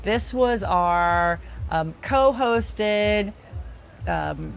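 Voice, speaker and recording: A woman co-hosting a podcast in casual chat out on a resort veranda, talkative and laughing often, her voice a little rough after a long weekend. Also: mid-range voice, expressive, drawn-out words, a little hiss or hum. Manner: chatty, laughs often, rambling restarts. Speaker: podcast co-host.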